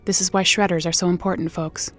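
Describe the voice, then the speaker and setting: A woman's voice: fairly low pitch, little pitch movement, fast talker. A woman reading a scripted comic television recap in a flippant, slangy manner. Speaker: recap narrator. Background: music bed.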